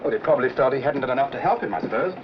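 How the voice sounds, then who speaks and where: Man acting unflappable British gent, fast understated breezy talk, 1940s film drama, noisy old soundtrack. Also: mid-range voice, animated, muffled recording, close to an everyday voice. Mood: breezy, reassuring.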